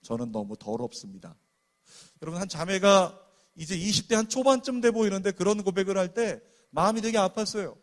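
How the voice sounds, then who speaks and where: A pastor delivering a sermon in a voice set a little high for a man. He speaks earnestly and keeps calling out to his listeners. His storytelling moves between hushed stretches and raised, emphatic ones. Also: brisk. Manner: earnest, often addresses the congregation directly; tells a story at length, shifting between hushed and raised passages.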